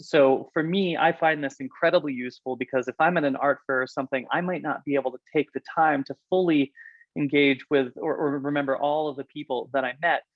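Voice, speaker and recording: A man presenting a software walkthrough on a webinar, talking quickly and chattily with some fillers. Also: on the high side, dry recording, lo-fi sound. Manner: fast, chatty, explanatory with fillers. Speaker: product presenter.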